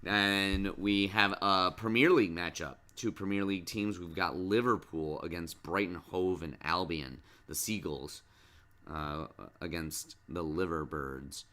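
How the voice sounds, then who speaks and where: A middle-aged man with a very deep voice hosts a relaxed sports podcast alongside his child. His tone is bright and forward, and he patiently coaxes answers with one question after another. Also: a little slow. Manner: patient, coaxing, asks lots of questions. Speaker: podcast host and dad.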